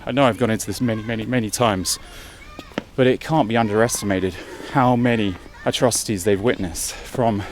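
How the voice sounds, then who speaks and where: Breathless English man vlogging uphill. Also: lowish voice. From England. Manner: chatty, thinking aloud. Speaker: travel vlogger. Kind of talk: walking travel vlog. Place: outdoors on a city hill walk. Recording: faint outdoor street noise.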